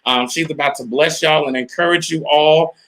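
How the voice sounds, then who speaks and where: A man's voice: fairly high pitch, fairly even intonation, moderate pace, a bit bright. A man hosting a casual live-stream interview, hyped and repetitive, calling out to viewers as y'all. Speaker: host.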